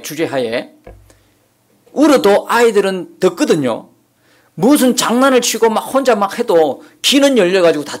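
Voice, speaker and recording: A male pastor preaching a Sunday sermon, moving from emphatic peaks to soft, quiet asides. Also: sits high, husky. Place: church sanctuary.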